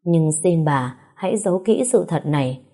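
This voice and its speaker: A woman's voice: fairly low pitch, animated, moderate pace, warm tone. A woman voicing a fearful adoptive mother who implores in a storybook reading. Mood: begging.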